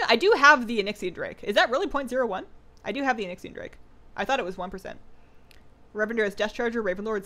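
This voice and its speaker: This woman has a medium-pitched, somewhat bright voice. While gaming on a live stream, she chats easily with her audience, reads out viewer questions, and says "like" and "um" a lot; two hours of talking have left her a bit hoarse.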